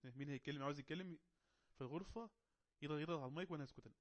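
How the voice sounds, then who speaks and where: Fast-talking Egyptian man coaxing his class. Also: fairly high pitch. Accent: Egyptian Arabic. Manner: coaxing, teasing students to speak up. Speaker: teacher running an online English class. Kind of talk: casual online class moderation.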